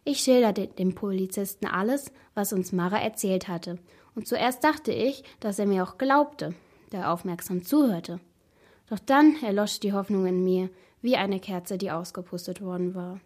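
A woman's voice: medium pitch, normal speed, darkish tone. Woman narrating a tense storybook. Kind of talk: first-person storybook narration.

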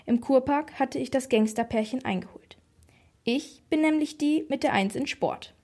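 A woman narrating a children's audiobook in a lively, expressive way, with a breathy voice. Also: high voice, moderate pace.

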